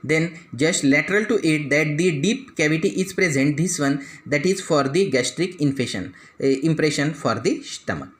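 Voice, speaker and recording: Male anatomy lecturer, Indian English accent, slightly higher voice, methodical pointing-out delivery. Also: a bit bright. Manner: explains step by step, pointing out structures; frequent "that is" and "after then" phrasing.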